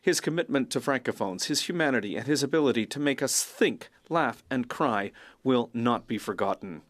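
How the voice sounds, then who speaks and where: A man with a medium-pitched voice gives a formal parliamentary tribute in an interpreter's delivery. The sound is dry, with no room around it. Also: animated, moderate pace, no echo.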